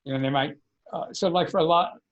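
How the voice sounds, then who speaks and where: A man's voice: fairly high pitch, brisk, muffled recording. A man, a podcast guest, earnestly explaining energy work in a conversational interview, often repeating words as he thinks.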